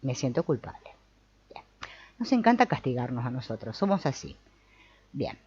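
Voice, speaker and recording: Woman spiritual teacher. Low, animated delivery. Dry, muffled recording. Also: normal speed, husky, no room sound. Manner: expressive, asks listeners for agreement, laughs between points. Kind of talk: teaching talk.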